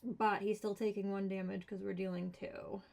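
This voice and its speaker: A woman's voice: medium pitch, level tone, moderate pace, vocal fry, a little mellow. A woman streaming a solo board game, casually thinking aloud, counting cards and talking herself through the rules with mildly exasperated asides.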